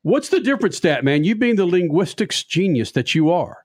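A man hosting a motorsports radio show, brash and animated, talking. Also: high voice, normal speed, dry recording, studio quality. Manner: brash, animated, swearing casually.

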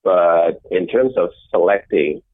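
A middle-aged man from the Netherlands answering interview questions in a measured way, often restarting his sentences. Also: low voice, no room sound. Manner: measured, with frequent restarts and fillers. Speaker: interview guest, innovation executive. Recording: dry, tinny phone-like call audio.

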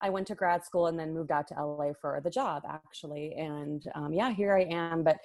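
Thoughtful woman guest, low-pitched voice. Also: moderate pace, darkish tone. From Chicago suburbs, USA. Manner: thoughtful, laughs easily, many "um" and "like". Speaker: podcast guest, library director. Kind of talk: casual podcast interview.

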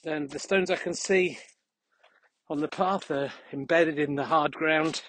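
A man's voice: a little high, unhurried, a bit bright. A man hosting a podcast as a casual, rambling monologue while walking outdoors on a country path. He is out of breath and adds dry, jokey asides. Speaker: podcast host.

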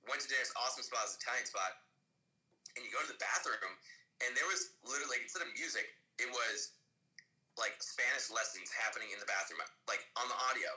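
Casting: young male podcast co-host, sharp bright voice, quick casual delivery. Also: medium pitch, poor audio. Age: young adult. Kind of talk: casual chat between friends.

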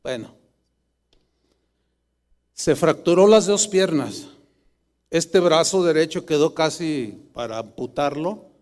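Middle-aged male pastor, higher voice, emphatic sermon delivery, long hall reverb. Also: slow pace, long pauses. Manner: animated preaching, rising to emphatic bursts.

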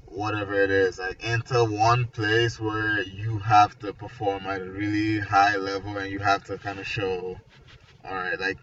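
A Nigerian architecture graduate in his twenties, with a lowish, bright voice, talks about his background and creative work in a relaxed, informal chat among peers, peppering his speech with "like" and "you know." The distant mic leaves it muffled, with noisy ambience around him.

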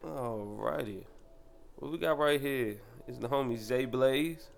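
A man's voice: mid-range voice, a little slow, creaky, a little hiss or hum. A man who produces a podcast, chatting casually with easygoing, rambling talk and frequent laughs. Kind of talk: casual group chat.

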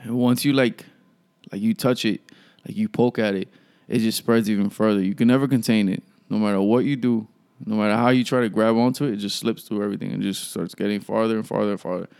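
Profane, rambling young man with smooth voice. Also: on the low side, steady tone, fast, a little mellow. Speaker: podcast host. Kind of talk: casual ranting monologue.

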